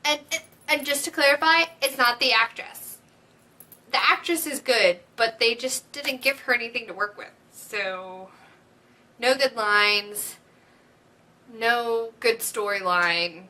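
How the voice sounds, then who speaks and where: A woman hosting a vlog, chatting casually and excitedly, with frequent giggles and gushing asides. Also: on the high side, takes it slowly. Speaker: vlog host. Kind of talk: casual fan chat.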